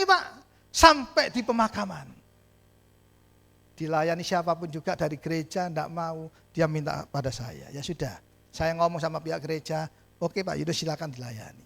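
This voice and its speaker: A middle-aged male pastor, preaching a sermon as a story, dropping to a hush and then rising to loud exclaims. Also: high voice, vocal fry.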